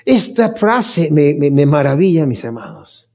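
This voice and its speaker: A pastor leading a Bible study preaches in a warm, fairly high voice, unhurried and full of big pitch swings. He's earnest and emphatic, addresses his listeners fondly, and asks them rhetorical questions.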